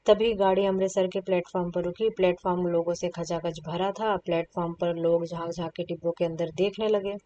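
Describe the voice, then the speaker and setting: A woman's voice: fairly low pitch, fairly even intonation, brisk, hardly any pauses, warm tone, far from the mic, muffled recording, slight background noise. A woman teacher reading a short story aloud and explaining it, with casual asides. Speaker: Hindi literature teacher.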